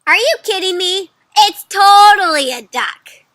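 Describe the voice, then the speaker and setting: A woman voicing an excitable, insistent picture-book character, exclaiming emphatically for young children. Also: high-pitched, slow, dry recording, pitched above the performer's own voice, heavily acted. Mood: excited, insistent. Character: excitable, insistent person sure they see a duck.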